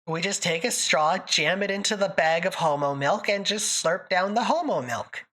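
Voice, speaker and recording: On her livestream, a woman from northern Canada chats casually with viewers, answering them and joking and laughing often. Her accent is thick and sounds put-on. The voice is on the low side, expressive, and fairly bright, at a moderate pace.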